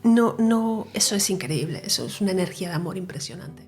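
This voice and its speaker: In an interview, a woman recounts her near-death experience, earnest and emotional, sometimes dropping to a whisper as she gives her personal testimony. Her voice sits on the low side with a darkish, slightly rough tone, and she speaks briskly and expressively. Faint music plays behind her.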